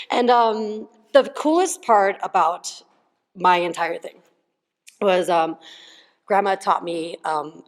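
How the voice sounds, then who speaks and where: A shaky young woman giving a tearful, laughing personal testimony, halting and full of fillers. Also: mid-range voice. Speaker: retreat participant. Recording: long hall reverb.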